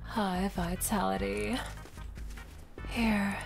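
A man's voice: high voice, flat delivery, extremely slow, vocal fry, over music, voice pushed up, heavily acted. A man talking through a voice changer filter that makes him sound like a girl, playfully pushing items on strangers in casual in-game trolling chat. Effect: voice changer filter making him sound like a girl.

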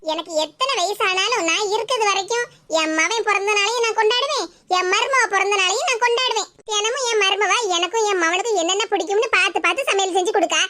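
A doting older mother-in-law with a very high, bright voice and a Tirunelveli Tamil accent, as a woman puts her on. She fusses sweetly and chuckles in cartoon style. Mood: firm. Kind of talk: cartoon voice acting.

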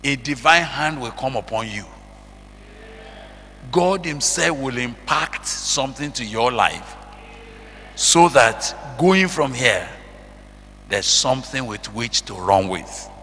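A man's voice: medium pitch, lively intonation, slow, pauses often, pushed and bright. A man preaching a sermon, reading scripture in old-fashioned wording and calling out questions to his listeners. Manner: reads scripture aloud in King James wording, calls out questions to the congregation. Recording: long reverb, faint noise and hum.

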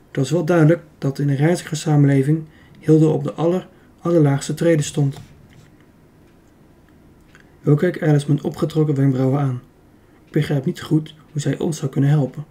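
A man narrating a children's adventure audiobook in a steady, even reading. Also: fairly high pitch. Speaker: audiobook reader. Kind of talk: storybook narration.

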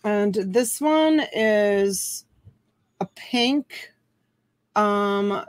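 A woman in her forties speaks very slowly at medium pitch, her tone clean and free of echo. Broadcasting a casual home auction over a computer webcam from a room filled with plush toys and a dress form, she chats folksily and draws out every call for bids.

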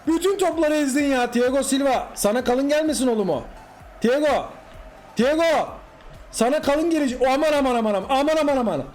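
Turkish guy yelling at his football game, super high voice, keeps repeating stuff, little music in the back. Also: fairly quick. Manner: animated, exclaims and repeats short cries at the screen. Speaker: gaming YouTuber. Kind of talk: excited live gameplay commentary.

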